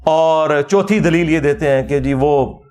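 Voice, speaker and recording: A man giving an animated, mocking religious rebuttal lecture as a preacher. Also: on the high side, slow pace. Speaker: Islamic preacher.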